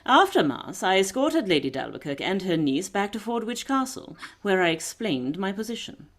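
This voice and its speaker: A woman playing a shrewd, poised lady detective in a radio play, brisk, wry and self-assured. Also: mid-range voice, sing-song. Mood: wry, confiding.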